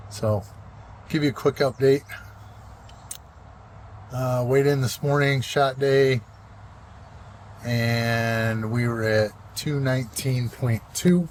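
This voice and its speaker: A man in his sixties gives a casual vlog update outdoors, speaking unhurriedly at a middling pitch. His delivery is relaxed and rambling, and he pauses often on fillers. A faint hum of open air sits behind his voice. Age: 60s. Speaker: vlogger. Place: outdoors, walking and at a golf course.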